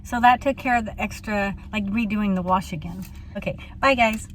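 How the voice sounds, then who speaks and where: A woman vlogging casually outdoors in a small town, rambling through a story with lots of ums and laughs, sometimes dropping to a hushed voice. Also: medium pitch, normal speed, a little hiss or hum.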